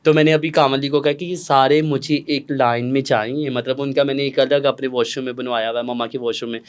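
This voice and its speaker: A young man from Pakistan with a Pakistani Urdu accent, telling stories dramatically as an interview guest, jumping between loud outbursts and hushed asides. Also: mid-range voice, fairly even intonation, a little fast, clear, resonant tone. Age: young adult. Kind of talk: casual interview storytelling.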